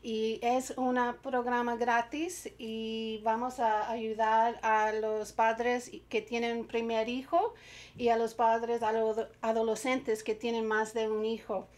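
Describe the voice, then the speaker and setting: A woman outreach worker guesting on a local TV talk show, speaking haltingly and tripping over words. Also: on the high side, level tone, a little mellow.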